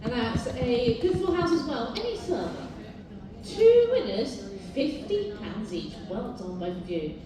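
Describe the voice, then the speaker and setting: A British woman working as a bingo caller, announcing numbers live in a sing-song, formulaic way with measured repetition. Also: a little high, very animated, crowd noise. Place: large echoing indoor bingo hall. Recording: very echoey hall, distant, noisy.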